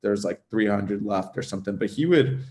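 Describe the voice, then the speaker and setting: Speaking fairly quickly in a low, darkish voice over slight background noise, a Southern Californian man in his thirties guests on a casual podcast. The former pro hockey player rambles, restarts frequently, and fills his talk with "like".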